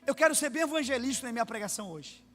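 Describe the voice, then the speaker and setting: A Brazilian man preaching a sermon as pastor, acting out stories and rising into impassioned shouts. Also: very high voice, lively intonation, racing. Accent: Brazilian Portuguese. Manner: acts out dialogue in anecdotes. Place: church sanctuary. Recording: long church reverb, faint music.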